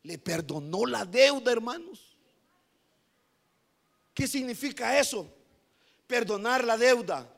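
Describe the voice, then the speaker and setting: A man preaching a sermon, moving between hushed passages and emphatic repetition, often addressing his listeners as brothers. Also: extremely high pitch, takes it slowly, gravelly, long pauses. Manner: animated, swings from hushed to emphatic, repeats "hermanos".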